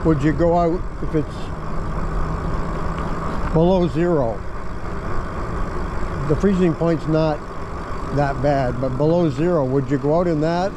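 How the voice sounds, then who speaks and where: A middle-aged man chatting casually in a vlog as he rides an e-bike down a residential street, musing and relaxed with plenty of fillers. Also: on the high side, slow pace, pauses often. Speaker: e-bike vlogger. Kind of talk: casual vlog narration while riding. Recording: outdoor street traffic noise.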